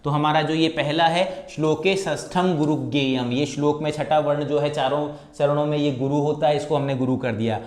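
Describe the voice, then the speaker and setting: A man with a Rajasthani accent teaching a lesson on verse meter, counting syllables aloud and chanting verses slowly. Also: on the high side, steady tone, roomy sound. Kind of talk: classroom lesson on Sanskrit meter.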